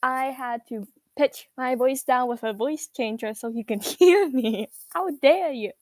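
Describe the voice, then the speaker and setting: A woman's voice: a little slow, darkish tone, no echo. A vain evil queen through a voice changer. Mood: haughty. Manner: haughty, self-aggrandizing, swears and laughs mid-sentence. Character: vain, boastful female evil queen pop diva. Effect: voice changer pitch-shifting her voice. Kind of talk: comedic character roleplay.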